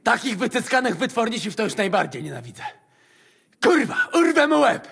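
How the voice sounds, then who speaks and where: An actor playing a crude, hot-tempered mercenary who swears and grumbles in a game. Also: male voice, very high voice, very animated, fairly quick, creaky, fairly bright tone, breathy edge, long reverb tail, exaggerated voice. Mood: grumbling.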